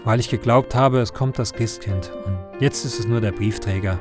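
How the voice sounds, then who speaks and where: A man voicing a cheerful, eager village shoemaker in a children's story, in a raised, excited voice. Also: fairly low pitch, normal speed, over music, close to an everyday voice. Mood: disappointed.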